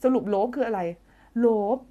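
A woman's voice: a little slow, dark tone, dull audio. A woman teaching English grammar on a live stream, reading out viewer comments, chatty and playful, laughing often and humming as she thinks aloud. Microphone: phone or desk mic for a live stream.

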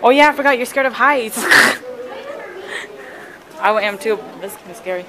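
A chatty young woman gushes over the sights as she films herself on a handheld phone. Her voice sits a little high, and a loud crowd with heavy street and water noise surrounds her. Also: moderate pace. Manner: chatty, gushing, easily impressed. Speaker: vlogger. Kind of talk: casual travel vlog. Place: outdoors in a busy city, on a boat and in crowded public spaces. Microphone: handheld phone camera. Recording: noisy phone video in crowds.

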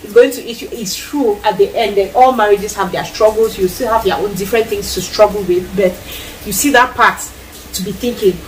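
Her mid-range voice runs a little fast as she cooks and chats casually in a small tiled kitchen, a vlogger in her thirties with a Cameroonian accent. She's lively, acting out quotes and gesturing constantly. Recorded from a camera a few feet away, the rough audio has a little hiss or hum.

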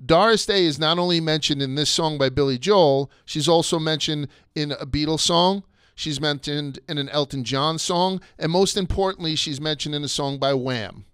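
A man's voice: a little high, normal speed, hardly any pauses, a bit bright, clean tone, no echo, studio quality. Chatty, crude man. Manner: chatty, crude jokes, goes off on tangents. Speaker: podcast host. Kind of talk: casual history podcast chat.

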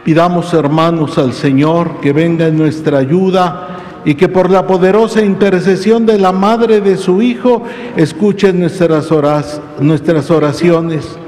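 A man's voice: fairly high pitch, a little mellow. A man, a priest giving a solemn homily and leading prayers at Mass in a large church. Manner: slow, solemn, measured phrasing. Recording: long church reverb.

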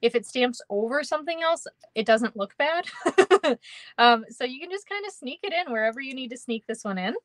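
Expressive and pitched high, her voice moves at a moderate pace in a dry recording. She's a young Minnesotan woman teaching card-making on a live stream from an indoor craft room. Chatty and giggly, she rambles to viewers with plenty of ums and kindas.

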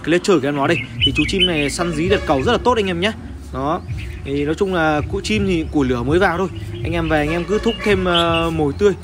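A young man from Vietnam hosting a casual sales vlog, chatty and full of fillers as he pitches birds to viewers. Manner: chatty, many fillers and repeated address to viewers. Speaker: bird seller, channel host. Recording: loud background noise.

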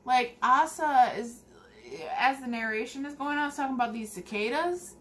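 A woman's voice: high-pitched, moderate pace. A young adult woman in casual book chat, rambling informally and swearing now and then. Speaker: book review co-host. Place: room with bookshelves, indoors.

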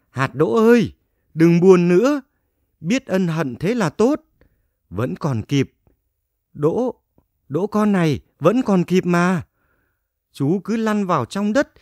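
A kindly wind spirit from a children's storybook, played by a man, hearty and encouraging. The delivery is raised in pitch, animated and emphatic. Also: no echo, clean studio sound. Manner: emphatic, encouraging, repeats phrases.

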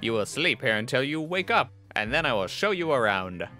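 A man's voice: mid-range voice, big pitch swings, brisk, sharp tone, soft background music. A man voicing a haughty, insulting male toy lord in a game, sneering and theatrical with a goblin-like voice. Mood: pompous.

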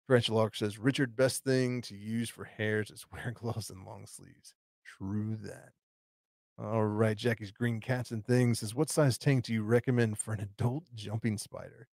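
Gravelly low-voiced man rambling casually. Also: darkish tone, dry recording, studio quality. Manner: rambling, answers chat questions with frequent fillers and restarts. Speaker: tarantula channel host. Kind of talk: casual live stream chat.

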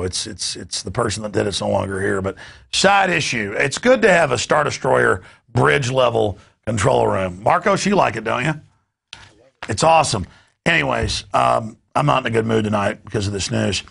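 Brief: male news host, very gravelly, talks off the cuff with repeated restarts, studio sound. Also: medium pitch, a bit bright. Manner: rambling, stammering restarts.

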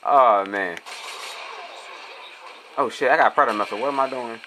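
A man's voice: mid-range voice, normal speed, noisy background. A young man, trash-talking his teammates while commenting on his own gameplay. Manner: excitable, profane trash talk. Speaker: gamer.

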